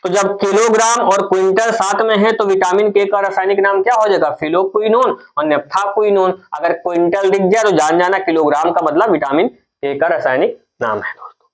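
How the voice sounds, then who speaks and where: High-voiced male teacher quizzing himself. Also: normal speed, rough recording. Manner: repetitive, asks and answers his own questions; addresses viewers as friends. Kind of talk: explaining memory tricks for a general studies lesson.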